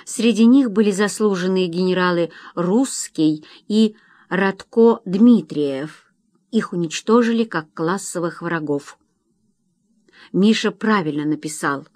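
A man reading an audiobook in a measured, expressive narration style, close to the microphone. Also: sits high, dry recording. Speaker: audiobook reader. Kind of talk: scripted narration.

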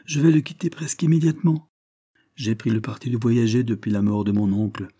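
A man voicing a reserved young lord who answers in short, quiet replies. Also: mid-range voice, steady tone, a little fast, slightly rough, no room sound, studio quality, close to an everyday voice.

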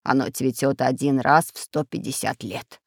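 A learned old professor with a low, unhurried voice, explaining things gravely and sometimes darkly, as a woman reads him. His voice is dry and close, as in a storybook reading. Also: dry recording, heavily acted. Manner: slow, measured and ominous. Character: elderly male professor and geographer, calm and learned.

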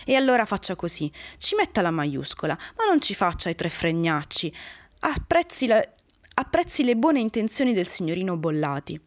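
A woman voicing a humble, patient housemaid who gently argues her point in a storybook reading. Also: mid-range voice, very animated, moderate pace, no room sound, clean studio sound, lightly acted.

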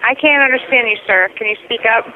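A woman answering the phone at a restaurant, brisk, confused and impatient. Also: on the high side. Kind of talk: phone conversation. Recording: tinny phone line, busy restaurant.

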